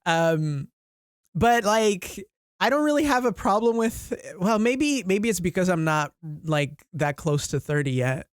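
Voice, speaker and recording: A woman's voice: lowish voice, big pitch swings, a little slow, dry recording, studio quality. A woman in her twenties co-hosting a podcast, chatting casually, giggling often and reassuring her co-host. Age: 20s. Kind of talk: casual chat.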